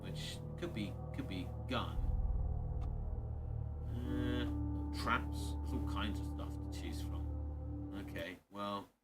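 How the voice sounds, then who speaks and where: A man's voice: fairly low pitch, slow, long pauses. A man giving casual, rambling commentary on a video game, with dry muttered asides to its characters. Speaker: gamer commentating on his playthrough. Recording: loud game music behind voice. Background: game music.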